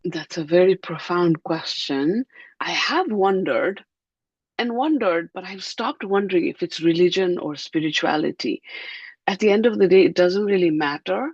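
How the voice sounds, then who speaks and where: A woman's voice: fairly low pitch, a little mellow, breathy edge, dry recording. Middle-aged woman from Nepal, reflective interview guest, slightly muffled, close dry recording. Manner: thoughtful, measured, slows to stress words.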